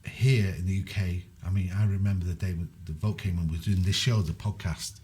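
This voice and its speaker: A man's voice: sits low, steady tone, brisk, dark tone. A man with a Mancunian accent co-hosting a political podcast, talking in an earnest, rambling way. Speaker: podcast co-host. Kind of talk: political opinion chat.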